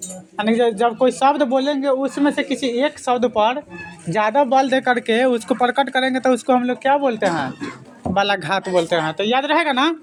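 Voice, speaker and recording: A male teacher giving an exam-prep grammar lesson, quizzing listeners with repeated questions and then answering them himself. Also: very high voice. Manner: repetitive, drilling delivery.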